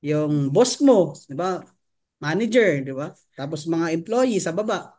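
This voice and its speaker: A man with a high voice leads a sales training seminar. He keeps turning to his listeners with rhetorical questions and drops English terms into his talk as he explains. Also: expressive, measured pace, a little mellow. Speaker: network marketing trainer.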